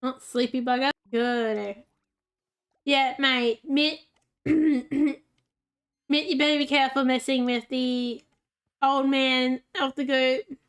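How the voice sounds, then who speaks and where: A woman talks her way through a game in a loose, chatty way. Her voice sits fairly high, and she often speaks fondly to the pets on screen. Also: little pitch movement, takes it slowly, long pauses, a bit bright, smooth. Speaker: gaming channel host. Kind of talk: casual gameplay commentary.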